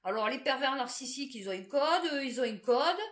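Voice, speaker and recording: A woman in her forties with a lilt tells a personal story in a casual, confiding way. Her voice sits slightly high, and she speaks bluntly, with crude words and frequent bursts of laughter. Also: expressive, fairly quick, fairly bright tone.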